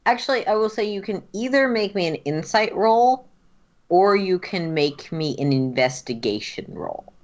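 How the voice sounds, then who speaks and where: A woman's voice: mid-range voice, animated, lo-fi sound. A woman running a tabletop roleplaying game as game master, narrating and refereeing in a casual, joking way. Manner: casual, joking, quick to laugh.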